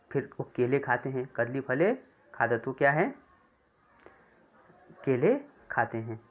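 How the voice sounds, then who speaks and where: A man teaching a grammar lesson to children, speaking slowly, repeating words and correcting himself as he goes. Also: medium pitch. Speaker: Sanskrit teacher. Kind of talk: classroom lesson explaining grammar. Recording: tinny phone-like sound.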